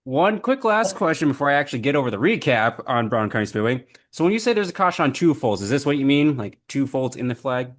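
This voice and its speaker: A man's voice: medium pitch, sing-song, fast, hardly any pauses. A young man hosting a racing podcast who also announces races, talking animatedly and laughing as he recaps. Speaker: podcast host and race announcer.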